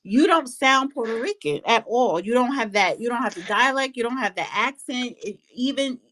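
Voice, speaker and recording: A woman with a slightly high voice works as a talk show co-host. She talks casually and bluntly, pressing her point with an insistent, argumentative delivery. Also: animated, moderate pace, fairly bright tone. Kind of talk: casual call-in banter.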